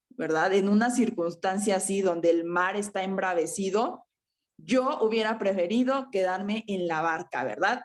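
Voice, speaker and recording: Woman, preacher, sermon, slightly high voice, slow deliberate pace, rhetorical check-ins. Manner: frequent rhetorical "¿verdad?" and "ajá"; addresses congregation as hermanos.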